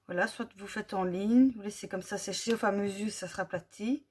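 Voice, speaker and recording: A woman with a French accent casually reviewing glitter paint tubes, slowly listing colour numbers with frequent fillers. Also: medium pitch, fairly even intonation, darkish tone, slightly rough. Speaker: vlogger.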